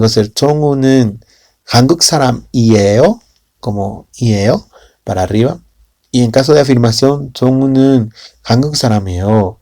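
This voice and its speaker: A man's voice: medium pitch, gravelly, a little mellow, no room sound, clean studio sound. A man teaching a language lesson in a casual way in Spanish with a Latin American accent, often adding tag questions and fillers.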